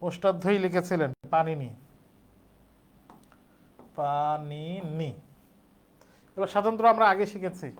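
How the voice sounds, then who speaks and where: A man teaching a spelling lesson, explaining step by step and answering his own questions. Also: high-pitched.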